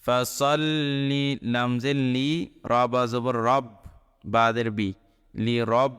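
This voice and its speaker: A man teaching how to recite a short Quran chapter, spelling out each letter and vowel mark before chanting the verse in long, drawn-out tones. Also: medium pitch, steady tone, fairly bright tone, clean tone. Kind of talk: slow recitation lesson. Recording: long echoing reverb.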